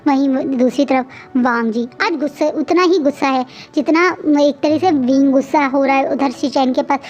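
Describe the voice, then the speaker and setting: A woman's voice: high-pitched, normal speed, darkish tone, lo-fi sound. A woman casually retelling a fan fiction story, chatty and restarting her sentences often. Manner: chatty, frequent restarts and fillers.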